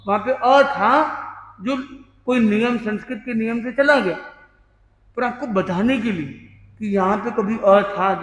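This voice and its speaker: A man teaching a hymn workshop, explaining the meaning and pronunciation word by word and chanting the verses slowly. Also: very high voice. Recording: echoey hall with long reverb.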